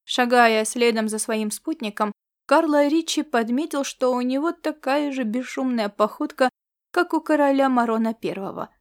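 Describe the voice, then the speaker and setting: A woman giving a steady, expressive scripted audiobook narration. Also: high-pitched, normal speed.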